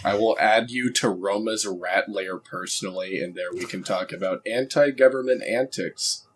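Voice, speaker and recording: A young man co-hosting a podcast, joking in a deadpan way in casual chat. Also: on the low side, normal speed, slight background noise. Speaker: podcast co-host.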